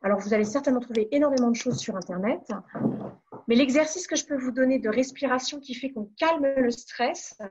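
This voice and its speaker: A woman from France giving calm advice as a webinar coach, pausing on fillers and restarting her phrases. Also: sits high, highs cut off, a little hiss or hum. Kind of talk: online webinar talk.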